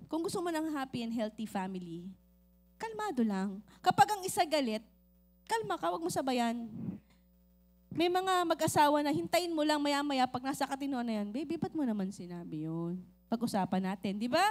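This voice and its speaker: A woman pastor preaching a lively, joking sermon that mixes in English phrases and acts out the voices in her stories. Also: high voice.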